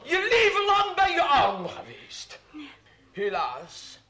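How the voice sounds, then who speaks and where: An actor playing a shy, lovestruck baron who stammers and gets flustered, in an old radio comedy with audience laughter behind. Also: male voice, extremely high pitch, wildly swooping pitch, slow, crowd noise, exaggerated voice. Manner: stammering, flustered comic delivery.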